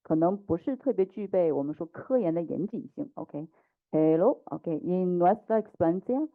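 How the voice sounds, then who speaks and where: A woman teacher with a Chinese accent giving a conference talk, speaking haltingly, mixing languages and often asking "ok?". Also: on the low side, animated. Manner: halting, mixes languages, frequent "ok?". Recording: tinny phone-like audio.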